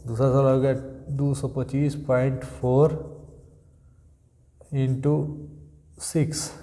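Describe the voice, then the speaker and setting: A male maths teacher, repeating steps and checking in often with "thik hai" and "clear". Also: medium pitch, level tone, takes it slowly, dark tone, long reverb tail. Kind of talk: classroom maths lesson.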